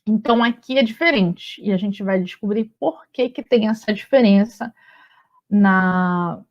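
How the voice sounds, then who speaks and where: A woman's voice: medium pitch, a little slow. A woman teacher explaining step by step in a patient, explanatory manner, often checking in with her students. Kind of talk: recorded online lesson. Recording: muffled lo-fi audio.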